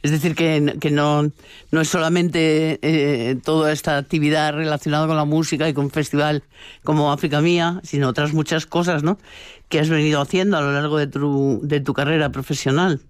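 A man's voice: a little high, level tone, brisk, clear, resonant tone, no room sound, clean studio sound. A man interviewing a guest on the radio, asking friendly questions with frequent hesitations.

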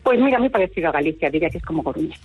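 Woman from Murcia, radio caller, rushed friendly chat, dry muffled line. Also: sits low, expressive, slightly rough, dry recording, faint music behind. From Murcia, Spain. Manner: chatty, nervous and quick, with little laughs. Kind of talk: phone-in chat.

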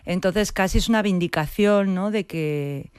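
Woman playwright talking it thru slowly, smooth voice, dead dry studio. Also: mid-range voice, darkish tone, no room sound. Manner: thoughtful, hesitant, restarts phrases. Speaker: playwright guest. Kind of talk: radio interview.

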